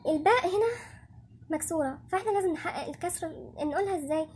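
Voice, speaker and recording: A woman's voice: very high voice, fast, a little mellow, faint music behind. A woman with an Egyptian Arabic accent teaching Quran recitation step by step, patiently repeating each sound several times to demonstrate it. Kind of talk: step-by-step tajweed lesson.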